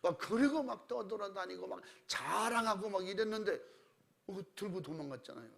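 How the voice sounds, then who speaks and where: A middle-aged male pastor delivers a sermon with a fairly high, gravelly voice. He tells his stories animatedly, slipping into the voices of the people he quotes. Now and then he clears his throat. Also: animated, moderate pace.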